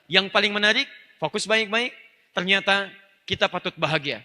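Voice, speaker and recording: A man's voice: high-pitched, moderate pace, bright, forceful tone. A male Islamic preacher giving a religious lecture, teaching emphatically, addressing listeners directly and slipping into fluent Arabic phrases and recitation. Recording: long hall reverb.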